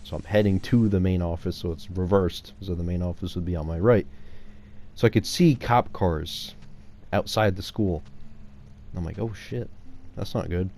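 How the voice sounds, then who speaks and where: A man's voice: deep voice, moderate pace, a little mellow. A man in his twenties casually telling a story on his channel, rambling and swearing freely. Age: 20s. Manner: rambling, profane, laid-back. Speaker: YouTuber.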